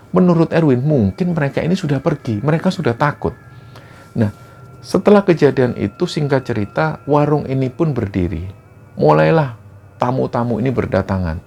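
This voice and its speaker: A man's voice: mid-range voice, gravelly, a little mellow. A man narrating a horror experience in a dramatic, conversational way. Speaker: storyteller.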